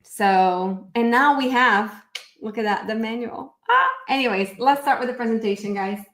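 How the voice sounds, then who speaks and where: A woman who grew up in Brazil talks at normal speed in a slightly high, somewhat bright voice, recorded with a roomy sound. As the therapist hosting a casual live stream, she stays chatty and upbeat, musing aloud while she gets her screen sharing working.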